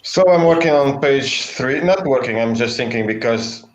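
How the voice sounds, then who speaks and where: A man's voice: medium pitch, lively intonation, roomy sound, muffled recording, slight background noise. A comic artist talking casually while he draws, hesitant and full of fillers. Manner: slow, hesitant, many fillers. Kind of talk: casual chat while drawing.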